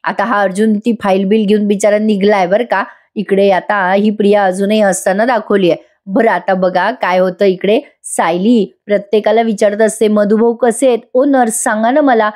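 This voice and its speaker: A woman's voice: mid-range voice, a little mellow. A woman narrating a voice-over recap of a TV serial episode, chatting with her viewers as she retells the scenes. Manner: chatty storytelling, addresses viewers directly.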